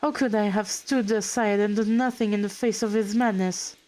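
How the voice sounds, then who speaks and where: A woman's voice: medium pitch, fairly even intonation, moderate pace, darkish tone, natural voice, low-quality recording. A woman reading aloud a scheming ancient male villain who talks in pompous, archaic phrases. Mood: grandiose. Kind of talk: reading game dialogue aloud.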